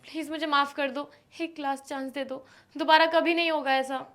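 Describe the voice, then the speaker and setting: An actress playing a quick-tempered young woman arguing with her live-in partner, sharp and scolding. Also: extremely high pitch. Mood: pleading. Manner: sharp, scolding, turns to pleading. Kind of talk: scripted short-film acting.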